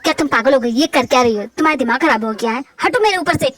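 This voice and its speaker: Woman playing a young male doctor, high voice, flustered then stern, fan dub. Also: lively intonation, very fast, a bit bright. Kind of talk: amateur Hindi fan dub.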